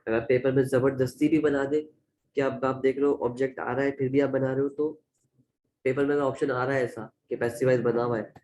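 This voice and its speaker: Male grammar teacher with a Pakistani accent, even-pitched and warm-toned, patient step-by-step explainer. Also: a little fast, slight background noise, poor audio. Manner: explains step by step, repeats examples. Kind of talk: classroom-style grammar lecture.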